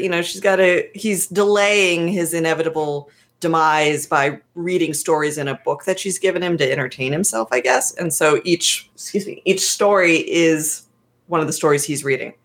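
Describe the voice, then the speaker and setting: Woman cohost, kinda low voice, chatty, retelling a movie plot and laughing. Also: normal speed. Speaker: podcast co-host. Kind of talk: casual chat reviewing a movie.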